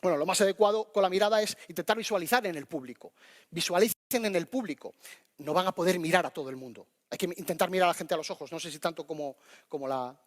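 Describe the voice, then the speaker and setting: Male lecturer, high voice, lively direct address, echoing hall. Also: quick pace. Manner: lively, addresses audience directly with many restarts. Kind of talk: public speaking lecture.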